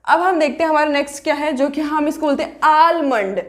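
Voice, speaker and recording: A woman with an Indian accent giving a casual pronunciation lesson, mixing Hindi and English and slowly repeating each word as a drill. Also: high-pitched, a bit bright. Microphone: writes on a board while talking.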